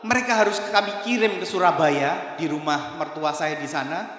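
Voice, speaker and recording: A man's voice: fairly high pitch, moderate pace, a bit bright. A middle-aged man, a motivational speaker telling a story to a seminar audience in an emphatic way. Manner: emphatic, addresses audience directly. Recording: echoey hall with long reverb.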